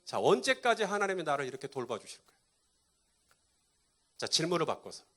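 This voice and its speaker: A pastor preaching a sermon to a live congregation, quizzing them and repeating key points. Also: male voice, on the high side, sing-song, a little fast, a bit bright.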